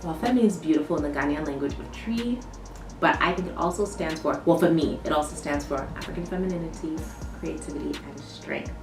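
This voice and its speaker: Chatty woman, low voice, roomy echo. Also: a little fast. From United States. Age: young adult. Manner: chatty, loose, restarts often, fillers like "like" and "um". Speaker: vlogger. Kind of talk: casual chat to camera. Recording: roomy echo, distant mic, background music.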